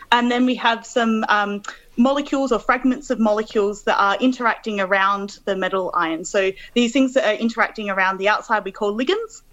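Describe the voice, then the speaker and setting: A woman's voice: fairly high pitch, a bit bright, dull audio. Australian woman in her thirties, guest scientist on the line, methodical and filler-heavy. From Adelaide, Australia. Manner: explains step by step with frequent ums. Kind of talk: radio interview, explaining.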